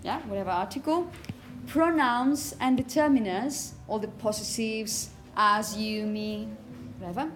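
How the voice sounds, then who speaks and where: In an echoey indoor classroom with background noise, a woman teaching phonetics lectures her students, explaining and stressing example words and often checking in with questions. Her voice sits on the high side, her pace is measured, and she pauses little.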